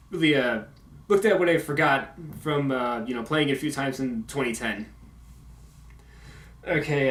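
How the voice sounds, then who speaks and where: A man's voice: on the high side, a bit bright. A man casually talking about video games in a vlog update, mumbling and stumbling through lots of fillers on a condenser mic. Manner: mumbling, halting, full of fillers. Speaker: video game commentator. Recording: echoey home room.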